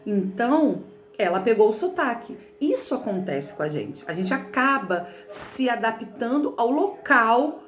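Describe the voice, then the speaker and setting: A woman's voice: a little high, very animated, measured pace. Chatty Carioca teacher woman, echoey room. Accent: Carioca Portuguese. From Rio de Janeiro. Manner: chatty, explanatory, frequent "né" and "tá bom". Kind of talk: remote lesson reading from a textbook.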